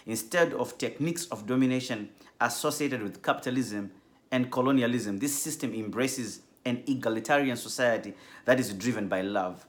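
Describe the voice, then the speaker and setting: A man from Zimbabwe giving a measured, earnest class introduction as a doctoral theology student, with frequent ums. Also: mid-range voice.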